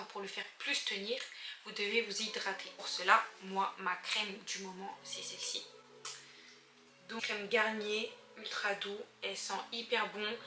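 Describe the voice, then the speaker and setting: A woman's voice: medium pitch, bright, forceful tone, roomy sound, a little hiss or hum. A young woman giving casual beauty advice in a chatty vlog, full of fillers and talking straight to her viewers. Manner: chatty, filler-heavy, addresses viewers as girls. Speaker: beauty vlogger.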